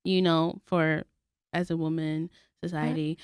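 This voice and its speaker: Young woman from the Bronx, smooth voice. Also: low-pitched, little pitch movement, measured pace, a little mellow, no room sound, clean studio sound. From Bronx, New York. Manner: laughs often, says "like" a lot. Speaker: podcast co-host. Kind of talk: casual chat.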